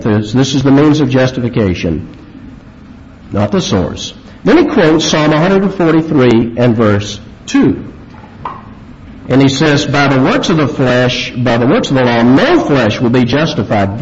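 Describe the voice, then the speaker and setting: A man preaching an expository sermon, emphatic and vivid, stressing key words with rising pitch. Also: darkish tone, dull audio, a little hiss or hum.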